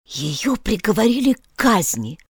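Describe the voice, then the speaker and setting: A woman's voice: a little high, big pitch swings, normal speed, no room sound, voice pushed up. Nervous whispering storybook rabbit read by a woman, close dry sound. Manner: anxious, hushed, whispering.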